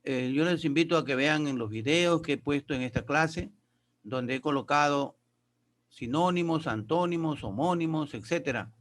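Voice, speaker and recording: A male teacher with a slightly raised voice walks his pupils through grammar and pronunciation one step at a time. He reads English sentences aloud slowly and deliberately. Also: on the high side, fairly bright tone, slight background noise. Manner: explains step by step, addresses pupils as kids. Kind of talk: classroom lesson.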